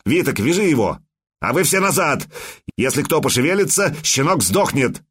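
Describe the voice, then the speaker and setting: A man voicing a brutal bald soldier who barks rough, threatening commands. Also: on the high side, sing-song, moderate pace, a bit bright, full character voice.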